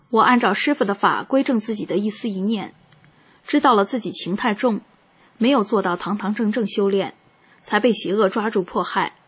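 A woman with a very husky, breathy voice reads a personal account aloud. Her delivery is calm and measured, at a middle pitch, like scripted first-person narration.

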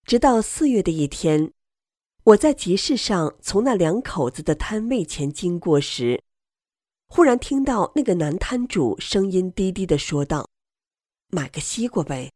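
Slow, lively-pitched woman narrator. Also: dry recording, clean studio sound. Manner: slow, measured storytelling read. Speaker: narrator reading a first-person account. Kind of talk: scripted narration.

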